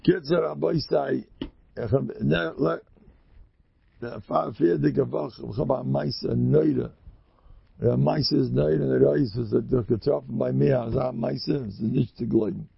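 A man giving an informal religious talk with personal stories, halting with many restarts and repeated words. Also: medium pitch, creaky, slightly rough, no room sound, lo-fi sound. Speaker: religious speaker.

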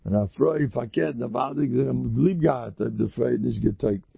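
A man giving an informal religious talk with personal stories, halting with many restarts and repeated words. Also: mid-range voice, vocal fry, husky, dry recording, highs cut off. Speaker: religious speaker.

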